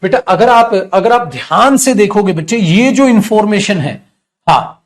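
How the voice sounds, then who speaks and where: A man's voice: high-pitched, animated, normal speed. A middle-aged man with an Indian English accent teaching English grammar in a live class, coaxing his students and asking and answering his own questions. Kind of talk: live online class lecture.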